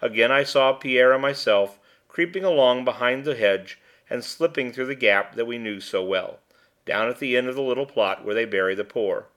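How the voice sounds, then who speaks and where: A man's voice: mid-range voice, normal speed, fairly bright tone. Man reading a story aloud. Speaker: audiobook reader. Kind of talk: scripted narration.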